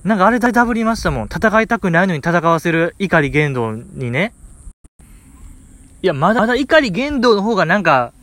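A high-voiced man speaking at a moderate pace hosts a podcast with a Kansai Japanese accent. In a casual monologue he recounts a story with animated, comic exasperation and many fillers.

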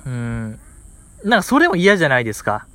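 A man's voice: mid-range voice, brisk, no room sound. A man with a Kansai accent hosting a podcast, telling a story in a casual monologue with comic exasperation. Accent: Kansai Japanese. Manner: animated, comic exasperation, lots of fillers. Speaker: podcast host.

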